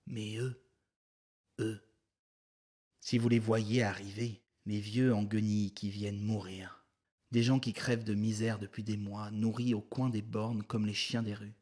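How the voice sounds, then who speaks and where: A man's voice: on the low side, flat delivery, unhurried, darkish tone, breathy edge. A man voicing a polite, earnest male secretary guiding a visitor, courteous and explanatory.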